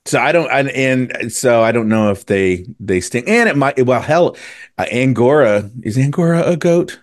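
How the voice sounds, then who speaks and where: A man's voice: medium pitch, animated, moderate pace, no echo, studio quality. A man co-hosting a casual chat podcast, musing aloud in wandering asides. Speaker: podcast co-host.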